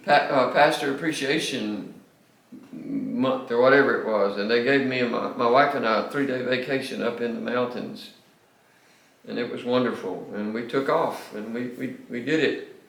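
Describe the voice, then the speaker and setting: A man's voice: mid-range voice, a bit bright, distant mic. Emphatic older man lecturing. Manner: emphatic, repeats words when restarting. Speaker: pastor and seminary lecturer. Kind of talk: classroom lecture with anecdotes. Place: classroom. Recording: echoey classroom.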